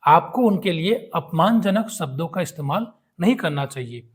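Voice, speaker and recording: A young man gives an English vocabulary lesson in a slightly husky, fairly high voice. He reads each example sentence slowly and twice, then explains it in an even teaching manner.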